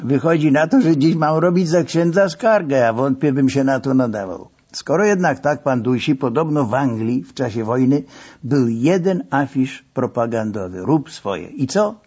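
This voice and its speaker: A man narrating a story in an expressive, conversational and wry way. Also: mid-range voice, moderate pace, husky. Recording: dull lo-fi recording.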